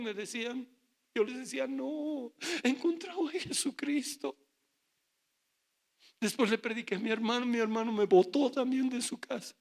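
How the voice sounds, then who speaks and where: A man's voice: sits high, a bit bright. A middle-aged male pastor giving a sermon, telling his testimony and acting out his family's voices. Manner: acts out family dialogue in raised voices.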